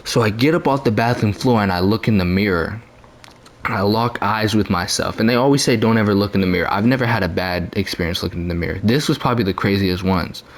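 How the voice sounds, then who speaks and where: A man's voice: lowish voice, fast. A young man telling a story casually into his own mic, rambling with lots of fillers, slang and profanity. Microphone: own desk mic.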